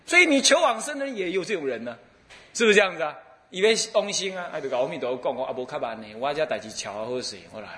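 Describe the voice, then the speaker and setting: High, bright-voiced Taiwanese monk lecturing. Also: male voice, very fast. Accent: Taiwanese Mandarin. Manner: lively, humorous storytelling. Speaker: Buddhist abbot and lecturer. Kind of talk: dharma lecture.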